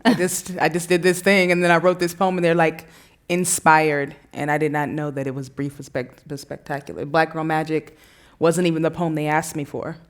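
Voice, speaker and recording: A woman's voice: deep voice, normal speed. A woman poet and activist telling stories animatedly on a live panel. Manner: animated storytelling, acts out quoted exchanges. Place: live event before an audience.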